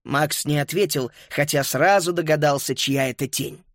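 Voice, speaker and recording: A man reads a children's adventure audiobook with lively, expressive storytelling. His voice sits a little high for a man, and the recording is dry and close with no room sound. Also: normal speed, dry recording. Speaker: narrator. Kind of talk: audiobook narration.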